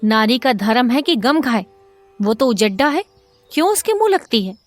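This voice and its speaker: A woman's voice: on the high side, big pitch swings, no room sound, soft background music. A woman voicing an older village man who chides a woman. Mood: reproving. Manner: chiding, hurried.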